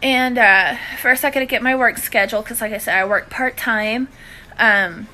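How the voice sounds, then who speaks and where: A Southern-accented woman in her thirties from Louisiana hosts a live stream on cooking and budgeting, chatting casually to viewers from her living room with her phone at arm's length and plenty of friendly endearments. Her fairly high voice is bright and forceful at a normal speed, with slight background noise.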